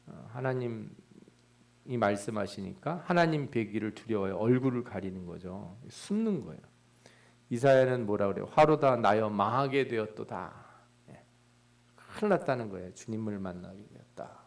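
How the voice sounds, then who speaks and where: A man's voice: medium pitch, vocal fry, a little mellow. A male pastor giving a Bible exposition sermon in a conversational way, asking the congregation questions and acting out people's prayers and thoughts. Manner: acts out prayers and inner thoughts in quoted voices.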